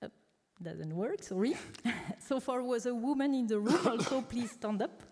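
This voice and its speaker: Woman, formal welcome, frequent fillers, fairly high pitch, echoing hall. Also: animated, normal speed, a little mellow. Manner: hesitant, many filler sounds. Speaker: conference co-chair, sales manager. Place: large conference hall. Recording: reverberant conference hall.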